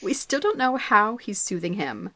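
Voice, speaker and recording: A woman's voice: medium pitch, sing-song, moderate pace, bright, forceful tone, no room sound. A young woman co-hosting a podcast in casual chat, laughing often and stumbling over words. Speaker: podcast co-host.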